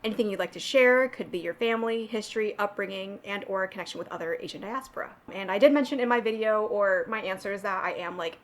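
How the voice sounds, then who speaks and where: A woman from Southern California hosting a casual chat, relaxed and chatty, reading out prompts to her guest. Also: mid-range voice, fast talker, hardly any pauses. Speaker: host.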